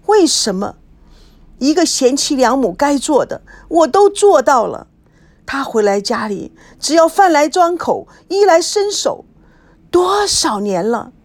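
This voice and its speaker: A woman voicing a loud, nosy middle-aged woman who scolds and bursts out dramatically in a story reading. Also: high-pitched, exaggerated voice. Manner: brash and scolding, dramatic outbursts.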